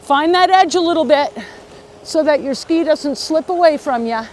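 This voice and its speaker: A woman with a high-pitched, slightly mellow voice teaches a hands-on beginner ski lesson outside at a moderate pace. She guides step by step in an encouraging way, often asking brief questions like "okay" and "right," with faint background noise present.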